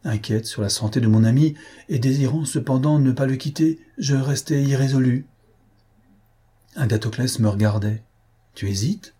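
A man narrating a classic novel aloud as an audiobook reader, in an even, literary storytelling manner. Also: mid-range voice, normal speed, slightly rough.

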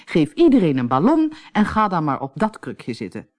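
A woman's voice: low-pitched, huge pitch swings, a little mellow. Woman doing a stern fussy mother witch. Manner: stern, hurried.

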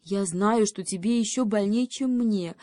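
A woman's voice: mid-range voice, a little slow, warm tone, no echo, lightly acted. A woman voicing a small, brave male hedgehog who urges his friend on while stoic through pain, in a storybook reading.

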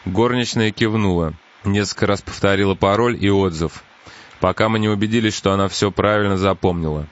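A man narrating an audiobook in an even, unhurried way. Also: lowish voice. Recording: dull lo-fi audiobook with faint hiss.

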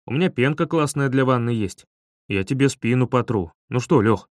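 A cocky schoolboy talks in a brisk, teasing, bossy way, as a man voices him in an audiobook. His pitch bounces a lot. The sound is dry and close. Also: lively intonation, no echo, lightly acted. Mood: smug. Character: cocky schoolboy friend Vitka, hiding in bathroom. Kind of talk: audiobook reading.

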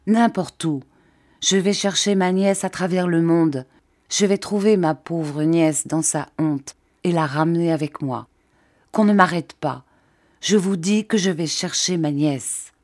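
A woman's voice: on the low side, unhurried, a little mellow, no echo, studio quality. A woman reading an audiobook, voicing a grief-stricken fisherman uncle who speaks impatiently and insistently. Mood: distraught.

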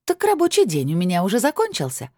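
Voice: mid-range voice, huge pitch swings, fast, mellow, no echo, studio quality, voice pushed up. A reader voicing a spiteful young blonde woman clerk who squeals and mocks. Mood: gloating. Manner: squealing, mocking.

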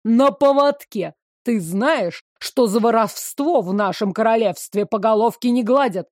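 A woman voicing a gruff, mocking male city guard who talks slowly and tauntingly. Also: on the high side, a little mellow, no room sound, studio quality, natural voice. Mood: sneering. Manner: sneering, slow and taunting.

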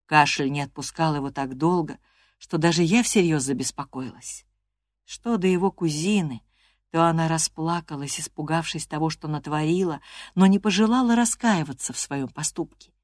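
A woman narrating a classic novel as an audiobook, in a measured, expressive storytelling manner. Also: low voice, no room sound, studio quality. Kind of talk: literary narration in first person.

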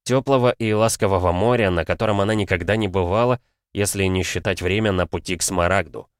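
Brief: low male narrator, steady fantasy reading, dry close sound. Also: fairly quick, no room sound. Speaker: audiobook narrator.

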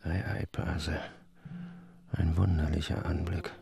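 A very slow, deeply creaking old sea captain, brooding and obsessed. His whispery radio drama delivery sits over music. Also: little pitch movement, warm tone, exaggerated voice. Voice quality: gravelly, whispery.

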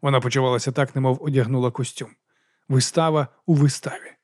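A man narrating an audiobook with steady storytelling delivery. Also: medium pitch, fast talker, no room sound, studio quality. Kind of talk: scripted narration.

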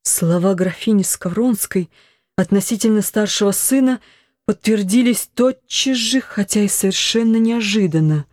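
A woman narrating a historical novel in an audiobook, measured storytelling. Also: mid-range voice, a little mellow, dry recording, clean studio sound.

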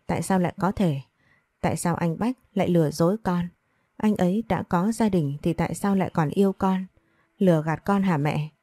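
A woman's voice: fairly low pitch, dark tone, no room sound, close to an everyday voice. A woman reading as a heartbroken young woman.

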